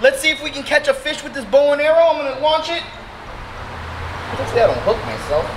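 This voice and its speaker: A man in his thirties hosting a fishing vlog outdoors under a bridge by the water, chatting and joking with bursts of excitement. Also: very high voice, a little fast, background noise. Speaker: fishing channel host. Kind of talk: casual outdoor vlog chat. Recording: background music under the talk. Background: music.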